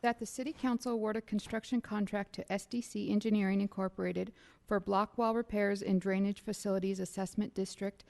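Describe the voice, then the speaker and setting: A woman's voice: mid-range voice, gravelly. A woman serving as city clerk, reading motions and recommendations aloud at a council meeting. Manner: reads motions and recommendations in a steady procedural tone. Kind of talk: formal meeting procedure.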